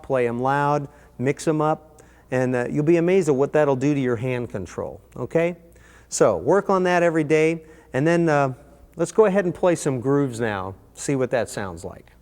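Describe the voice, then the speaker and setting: A man's voice: on the high side, smooth. A man teaching a beginner drum lesson, patiently explaining and counting beats aloud. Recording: reverberant room with loud drums.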